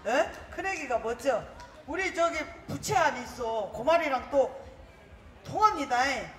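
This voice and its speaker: A man with a very high voice hosts the contest, calling out slowly in a lively, bright tone. He often shouts to the crowd. His voice carries through an echoing hall. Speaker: contest host. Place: large echoey hall. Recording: echoey hall recording.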